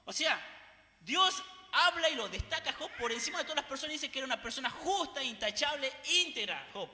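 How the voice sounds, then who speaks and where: Man, preaching a sermon, very high voice, piercing bright tone, impassioned rhetorical questions, reverberant church hall. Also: sing-song, fairly quick, a little hiss or hum. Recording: echoey hall with long reverb.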